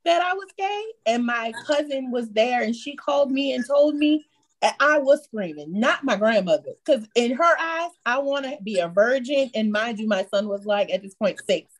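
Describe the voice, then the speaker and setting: A woman chatting casually on a podcast, animated and swearing freely. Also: a little high, normal speed, low-quality recording. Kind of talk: casual chat.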